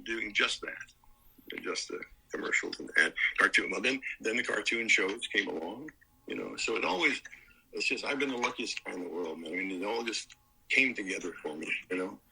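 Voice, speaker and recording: An older man with a gravelly, husky voice tells stories as an interview guest. His tone is bright and cutting. He chats easily and now and then drops into a character voice. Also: fairly low pitch, lively intonation, normal speed, poor audio. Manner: chatty storyteller, slips into character voices. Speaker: voice actor guest. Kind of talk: casual interview.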